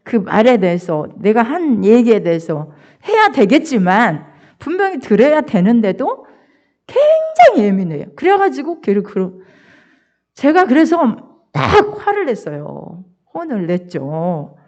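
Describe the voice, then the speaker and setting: An older woman pastor preaching a sermon, telling a family story in an animated, expressive way. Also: a little slow. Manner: animated, expressive storyteller with wide swings in pitch. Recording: dull lo-fi church recording.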